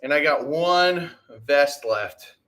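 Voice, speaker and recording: A man's voice: a little high, lively intonation, takes it slowly, fairly bright tone. A man who owns a bike shop, chatting casually with viewers on a livestream while he works, rambling and slangy with lots of fillers. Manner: laid-back, rambling, slangy with many fillers. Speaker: BMX shop owner hosting a livestream.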